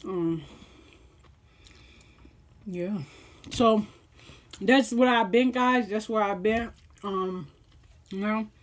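A young woman chats at home while eating in a casual mukbang vlog, rambling and laughing often. Her medium-pitched voice moves very slowly with long pauses. A camera set up on the table records her.

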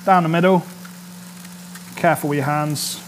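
A thirty-something chef runs a casual studio-kitchen demo, talkative and cheerful, regularly checking in with viewers with "all right?" while the pan fries. He speaks on the high side at a normal speed with fairly even intonation. There's slight background noise.

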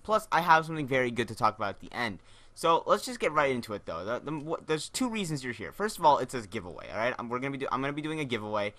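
A man's voice: medium pitch, big pitch swings, very fast, bright, forceful tone. A young man hosting his gaming channel, telling a casual story in a rambling, profane way, often repeating and restarting words.

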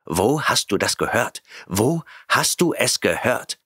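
A man voicing a feverish, irritable settler who turns gruff and shouts when agitated. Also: mid-range voice, sing-song, a little slow, dry recording, studio quality, voice pushed up, heavily acted. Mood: shouting. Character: feverish, irritable male settler on a jungle moon.

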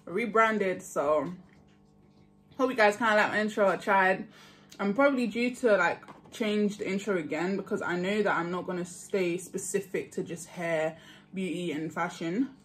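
A young woman chatting casually to her viewers while eating, easygoing and quick to laugh. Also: on the low side. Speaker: vlogger. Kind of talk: casual mukbang chat.

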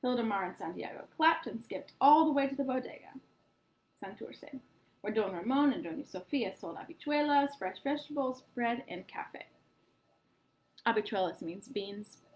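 A woman storyteller reading a picture book aloud to children in an animated way. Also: on the high side, a little slow, poor audio. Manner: animated, addresses young listeners.

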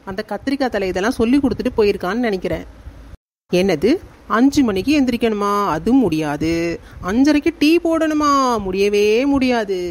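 Quick sassy cartoon daughter-in-law, woman doing her, lazy and cheeky, mutters to herself, tirunelveli tamil. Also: medium pitch, darkish tone, lightly acted.

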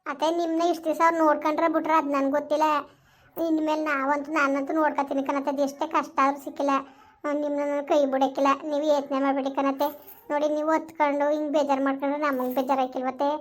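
A woman's voice: sits high, level tone, rapid-fire, lightly acted. A woman playing a young village daughter-in-law in an amateur family skit, talking in a soothing, earnest, reassuring way.

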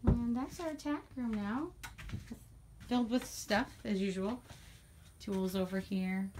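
A woman giving a casual walkthrough of her horse barn on a handheld phone, chatty and quick to laugh as she points things out. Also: a little high, background noise. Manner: chatty, laughs often, lists items as she goes. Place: horse barn, paddock and tack room, in and out of doors. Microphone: handheld phone camera.

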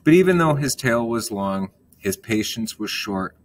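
Calm lower-voiced man reading a children's story. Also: unhurried, a little hiss or hum.

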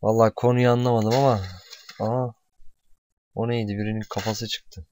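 A young man commentating a video game at home, excitable and swearing, sometimes shouting at the screen. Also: fairly low pitch, normal speed, dry recording. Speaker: gamer.

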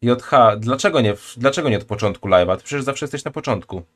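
A man's voice: mid-range voice, animated, quick pace, fairly bright tone. A man in his thirties, streaming from a home room, reacting bluntly and crudely in casual chat and reading donations aloud. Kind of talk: casual live-stream commentary.

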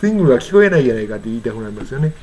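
An older man from Japan, teaching English pronunciation in a casual lesson, patiently repeating words slowly to show how they sound. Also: medium pitch, very animated, a little mellow, slight background noise.

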